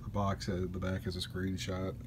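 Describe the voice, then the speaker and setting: A man casually reviewing a collectible statue at a table indoors, easygoing, with frequent pauses. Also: deep voice, completely flat delivery, noisy background.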